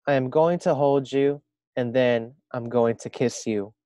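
A man's voice: mid-range voice, unhurried, mellow, no room sound, natural voice. A man reading a picture book aloud, voicing an eager, insistent little girl who wants to kiss a frog. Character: bold little girl wanting a prince.

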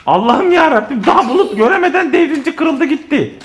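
Excitable young dad vlogging at home. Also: male voice, very high-pitched, fairly quick. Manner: excitable, exclaiming, addresses viewers. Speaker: vlogger father. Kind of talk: family vlog commentary. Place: home living room.

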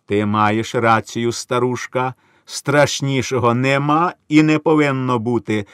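A man's voice: mid-range voice, a little slow, fairly bright tone, clear, resonant tone, no echo, studio quality, lightly acted. A man doing a curt, cruel enemy officer. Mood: cold. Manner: curt, mocking.

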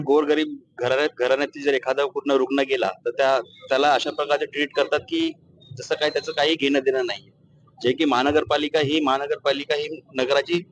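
A man gives a measured, formal statement on hospital negligence, repeating some phrases as he goes. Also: mid-range voice, a little hiss or hum, low-quality recording.

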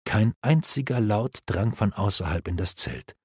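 A man narrating a fantasy audiobook in a measured, dramatic way. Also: fairly low pitch, animated, husky, no echo, clean studio sound.

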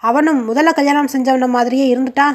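A woman's voice: high-pitched, steady tone, brisk, natural voice. A woman voicing a middle-aged aunt who speaks frankly and outspokenly.

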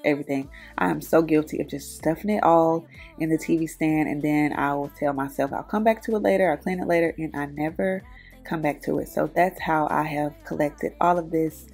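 A woman narrates her cleaning in a relaxed, chatty voice-over. Her voice sits low and slightly husky. Soft music plays faintly underneath. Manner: chatty, addresses viewers as y'all. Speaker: home cleaning vlogger.

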